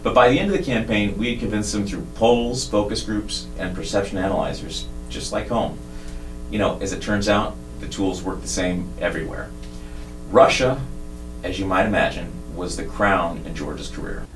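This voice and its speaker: A man's voice: on the low side, normal speed. A man giving a prepared, punchy tribute to a longtime campaign partner. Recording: roomy, distant mic with faint music.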